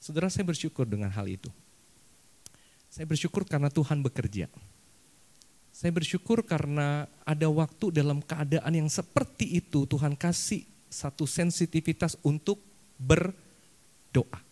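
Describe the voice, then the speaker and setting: A man's voice: fairly high pitch, a little slow, long pauses, mellow. A male pastor preaching a sermon and telling a personal story with humor, often addressing the congregation directly. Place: church service.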